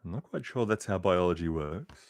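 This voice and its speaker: A man reading a children's picture book aloud with expressive, unhurried storytelling and casual asides. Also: low voice, dry recording. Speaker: reader.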